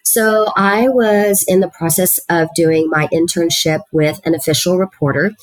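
Speaking at a moderate pace in a lowish, steady voice, a middle-aged woman from South Texas shares her career path as a guest on an interview podcast. She works as a student housing executive and comes across as earnest and talkative, using frequent fillers. The audio is dry and poor.

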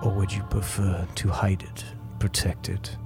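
A man voicing a tiny spirit in a tabletop game, speaking softly and formally in slow, hushed phrases that thin toward a whisper. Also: low-pitched, level tone, vocal fry, soft background music, pitched below the performer's own voice. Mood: solemn, coaxing. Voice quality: soft, hushed, fading to whisper. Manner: slow, formal, measured questioning. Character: tiny unseen spirit voice speaking inside a player's head. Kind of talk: tabletop game role-play.

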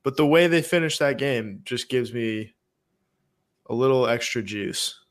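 A man's voice: medium pitch, a little slow. A man co-hosting a casual post-game sports stream, upbeat and joking. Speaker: podcast co-host.

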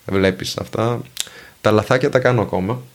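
Venetian-accented man, thoughtful and measured. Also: lowish voice. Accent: Venetian Italian. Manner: slow, thoughtful, pauses to find words. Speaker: linguist guest. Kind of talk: casual conversation.

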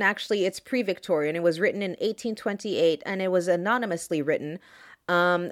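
A woman hosting a podcast in a casual, playful way, introducing readings, with a congested nose from allergies and breathing through her mouth. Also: lowish voice. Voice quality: congested, stuffy-nosed. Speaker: podcast host and reader.

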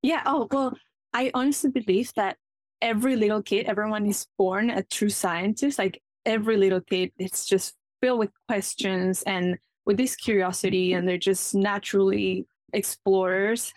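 A woman's voice: mid-range voice, fairly even intonation, normal speed, dry recording. A young woman from Ecuador with an Ecuadorian Spanish accent, a marine biologist guest talking earnestly and eagerly, often restarting her sentences. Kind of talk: casual interview.

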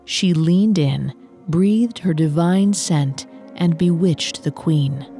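Female narrator, low mellow voice, measured scripted storytelling, faint music bed.

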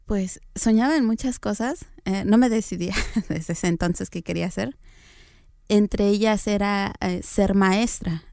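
A young woman from Oaxaca, Mexico, answering interview questions in a soft-spoken, hesitant way. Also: mid-range voice, a little slow, creaky, dry recording, clean studio sound. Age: young adult. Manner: soft-spoken, hesitant fillers, light laughs. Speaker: interview guest. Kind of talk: relaxed interview conversation.

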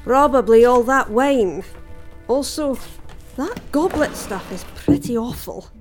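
A woman's voice: high voice, expressive, takes it slowly, soft background music. A middle-aged woman with a broad Scottish accent playing a wry, teasing, motherly villager in an audio drama. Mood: dry teasing. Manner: dry, teasing, matter-of-fact.

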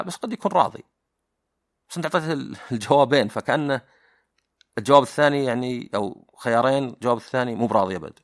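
Guy rambling thru his podcast, quick, tosses in little made-up dialogues, dry close mic. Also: mid-range voice, creaky, fairly bright tone, no room sound. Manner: reflective, acts out imagined dialogues, many fillers. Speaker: podcast host. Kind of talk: casual solo monologue.

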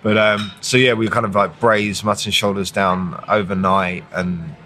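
A British man, a chef, chatting casually in an interview, relaxed and hesitant with many fillers. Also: lowish voice, a little slow. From Britain. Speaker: chef guest.

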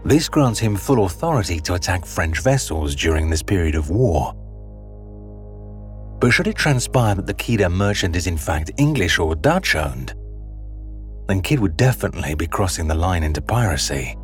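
A man giving scripted, dramatic documentary narration in a measured storytelling manner. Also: deep voice, big pitch swings, soft background music.

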